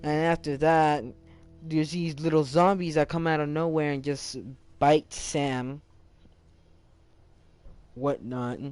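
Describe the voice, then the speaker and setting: A man's voice: a little high, fairly even intonation, slow pace, pauses often, a little mellow, smooth, no room sound, soft background music. A young man casually retelling a video game's story, rambling, with many self-corrections and restarts. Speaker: gaming channel host. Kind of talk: casual game story recap.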